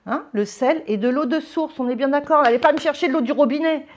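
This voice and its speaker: A woman vlogger walking viewers through a ritual step by step, chatty, constantly checking in with quick little questions. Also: high voice, slight background noise. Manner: chatty, keeps checking in with "ok?" and "d'accord?"; slips between formal and familiar address. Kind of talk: casual how-to demonstration. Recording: dull lo-fi home recording.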